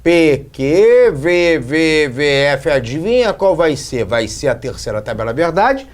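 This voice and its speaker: A man's voice: fairly high pitch, sing-song, a little slow. A man from Brazil teaching a logic lesson at a whiteboard, checking in with students again and again as he explains. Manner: explains with repeated questions to the students.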